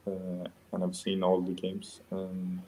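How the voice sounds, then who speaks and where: Young man from Denmark, deep even voice, hesitant guest answers. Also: takes it slowly. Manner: hesitant, many fillers and restarts. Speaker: interview guest, goalkeeper. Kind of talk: casual interview answers.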